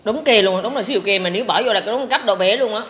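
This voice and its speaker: A woman's voice: medium pitch, very fast, fairly bright tone. A woman with a southern Vietnamese accent chatting casually to viewers over a meal, recorded on a phone across the table. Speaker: vlogger tasting spicy noodles. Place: tiled home dining room open to outdoors. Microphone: phone camera across the table. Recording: noisy room, phone recording.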